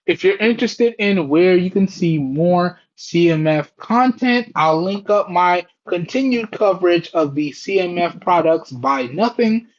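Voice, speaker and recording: A man's voice: high-pitched, lively intonation, unhurried, few pauses, highs cut off. A man casually narrating a product test to viewers in a folksy, explanatory way, recorded through a Bluetooth earbud headset mic. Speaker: tech reviewer, channel host. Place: indoors at home. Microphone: wireless earbud microphones over Bluetooth.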